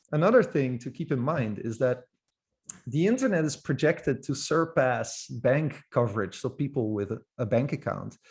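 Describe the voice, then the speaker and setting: A man's voice: medium pitch, darkish tone. Enthusiastic man giving a talk. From Netherlands. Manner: enthusiastic, informal, occasional restarts. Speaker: guest speaker. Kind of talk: presentation talk.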